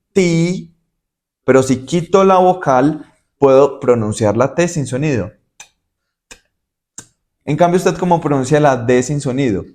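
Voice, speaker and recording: Slow, patient male English teacher. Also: mid-range voice, a little mellow. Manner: patient, slow, demonstrative explanation with repeated example words. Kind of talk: Spanish-language English lesson.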